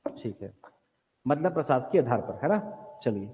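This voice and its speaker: A man's voice: medium pitch, big pitch swings, a little slow. A man teaching an exam coaching class, drilling students with repeated questions and telling them what to write in their notes. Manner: repetitive question-and-answer drilling. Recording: tinny phone-like sound in a reverberant hall.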